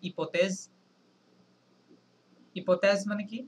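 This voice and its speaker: A man teaching a French lesson on a video call, explaining slowly, spelling words letter by letter and often checking in with his students. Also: high voice, flat delivery, slight background noise, low-quality recording. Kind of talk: online language lesson.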